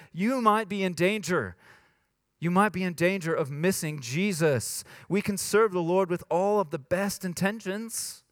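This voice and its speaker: A man giving a sermon. He drops low and hushed, then rises to high emphatic lines, and puts on a whiny voice to quote complaints. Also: no room sound, clean studio sound. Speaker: pastor.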